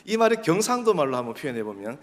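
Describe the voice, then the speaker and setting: A man with a Daegu Gyeongsang accent preaching an animated revival sermon in a church, leading the congregation in call-and-response. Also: on the high side, fast talker. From Daegu, South Korea. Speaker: pastor. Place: church sanctuary. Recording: long church hall reverb.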